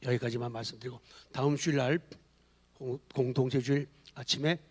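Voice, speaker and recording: A man's voice: medium pitch, steady tone, a little fast, darkish tone, husky. A man preaching as pastor in a church, chatty and acting out exclamations for his congregation. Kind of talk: sermon. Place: church sanctuary. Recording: long hall reverb in a church.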